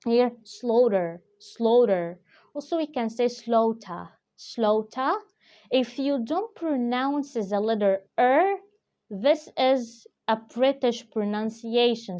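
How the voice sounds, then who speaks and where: Slow careful woman teaching English. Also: on the high side, a little mellow. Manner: slow, careful explaining with frequent fillers. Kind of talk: vocabulary lesson. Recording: dull lo-fi recording.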